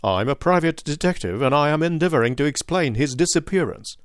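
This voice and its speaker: A man voicing Sherlock Holmes as a calm, incisive detective with a measured, dryly ironic manner. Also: a little high, clean tone, no room sound, studio quality, natural voice.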